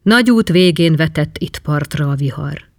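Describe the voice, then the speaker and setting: A man voicing a weary, cursed sailor who speaks in a slow, brooding murmur in a storybook reading. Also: fairly high pitch, animated, vocal fry, a little mellow, dry recording, studio quality. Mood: solemn. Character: gaunt, weary, cursed male sea wanderer.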